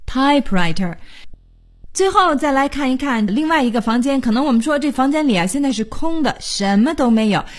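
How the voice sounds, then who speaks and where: Radio English teacher, woman, very animated pitch, patient and encouraging, spells letter by letter. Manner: spells words slowly letter by letter, lively and encouraging. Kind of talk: radio English lesson, spelling and explaining words. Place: radio studio.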